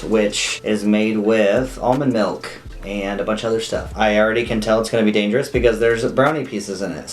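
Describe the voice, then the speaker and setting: A man hosting a casual food review, talking informally to camera and often asking himself questions as he goes. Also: lowish voice. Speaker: host of a food review video. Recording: clearly noisy home recording.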